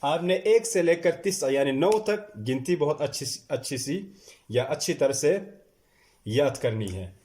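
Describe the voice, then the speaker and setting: A man teaching a classroom lecture, drilling numbers slowly and stressing each one as he repeats it. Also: fairly high pitch, animated, darkish tone. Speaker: Arabic teacher. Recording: echoey room.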